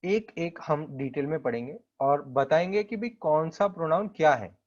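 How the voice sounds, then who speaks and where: A man teaching a grammar lesson to schoolchildren, explaining patiently, often asking "right?" and answering himself, and reading English example sentences slowly. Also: fairly high pitch, darkish tone, dull audio.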